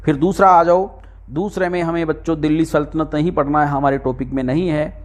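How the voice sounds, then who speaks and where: His voice a little high, steady, and slightly fast, a middle-aged exam-prep teacher walks his class chapter by chapter through the textbook index, repeating each point for emphasis and calling them his dear children.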